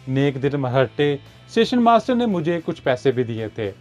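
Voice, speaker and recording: Lively male story narrator. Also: mid-range voice. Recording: dull lo-fi audio with faint music.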